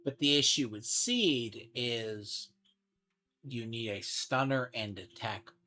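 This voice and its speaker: A man's voice: medium pitch, expressive, slow pace, sharp tone. A man giving casual game commentary, rambling and thinking aloud as he speculates. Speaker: gaming streamer. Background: game music.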